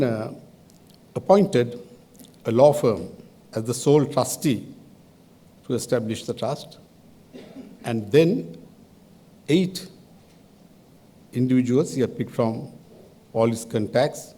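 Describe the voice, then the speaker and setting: An older Sri Lankan man speaks formally from a podium as a chairman. His voice is mellow and mid-pitched. He moves through his address in measured, halting phrases, pausing deliberately. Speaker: advisory committee chairman giving a welcome address.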